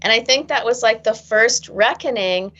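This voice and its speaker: A woman's voice: fairly high pitch, moderate pace, fairly bright tone, slight background noise. Chatty woman therapist, dull sound. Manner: long rambling explanations full of "you know" and "right?", acting out quoted thoughts. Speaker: therapist and author, podcast guest. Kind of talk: casual interview talk.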